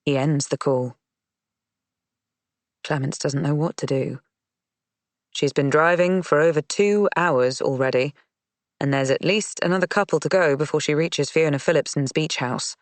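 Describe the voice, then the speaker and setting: A man narrating a mystery audiobook in a measured, even reading. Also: on the high side, no echo. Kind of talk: scripted narration.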